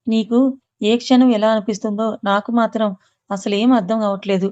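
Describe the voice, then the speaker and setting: A doting young husband who coaxes his wife with affectionate words, put on by a woman narrator. The voice is mellow and fairly even in pitch. The recording is dull and lo-fi. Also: brisk, natural voice. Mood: coaxing. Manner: coaxing, affectionate. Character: doting young husband, patient but short-fused.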